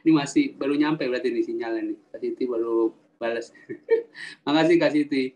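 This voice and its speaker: A man giving a casual, animated public speaking talk in a live webinar, asking the audience questions and reading their chat comments aloud. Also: mid-range voice, fairly quick. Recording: roomy sound, mic at a distance, faint ambience.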